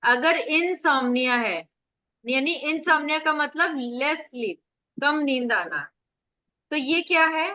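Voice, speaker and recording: A woman's voice: sits high, expressive, slow pace, bright, forceful tone, no room sound. A woman acupressure teacher giving an online revision lecture over a video call, explaining step by step with rhetorical questions and staying firm with her students.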